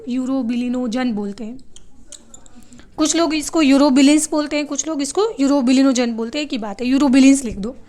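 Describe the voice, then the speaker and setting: A woman's voice: sits high, darkish tone. A woman teaching a biology class, who asks her students questions and answers them herself, often switching to English terms. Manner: calls her students "beta" and tells them to write things down. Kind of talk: classroom lecture.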